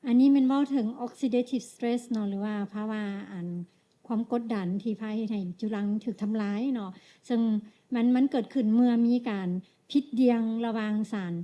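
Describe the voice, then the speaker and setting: A woman with a Lao accent interpreting a medical lecture, measured, pausing often and ending phrases with tag particles. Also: a little high, fairly even intonation, warm tone.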